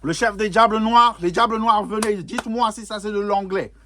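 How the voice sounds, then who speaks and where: A man hosts a music reaction video, chatting casually, repeating phrases, mixing in English words, and laughing a lot as he comments. His high voice holds a steady tone at normal speed, sounding pushed and bright over a little hiss or hum.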